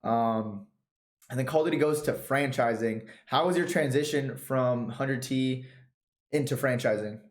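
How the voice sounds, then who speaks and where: A man hosting a casual podcast chat, talking in a relaxed, chatty way as he recaps past matches. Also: mid-range voice, measured pace, reverberant. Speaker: podcast host.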